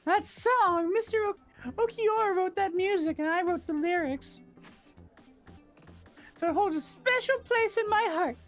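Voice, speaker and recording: An earnest young anime songstress, speaks in a very high voice with overacted devotion. It is a fan dub style delivery, with music playing behind it. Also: female voice, a little slow, pauses often. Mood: earnest, admiring.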